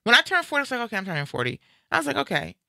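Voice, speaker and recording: A woman's voice: fairly high pitch, wildly swooping pitch, racing, vocal fry, sharp tone, no room sound, clean studio sound. A woman around fifty, the host, chatting casually and animatedly, laughing as she tells stories. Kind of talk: casual chat.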